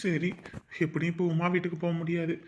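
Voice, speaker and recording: A woman's voice: fairly low pitch, level tone, fast, a little hiss or hum, pitched below the performer's own voice, close to an everyday voice. A woman voicing a meek, put-upon young village husband in a comedy skit. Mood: dutiful.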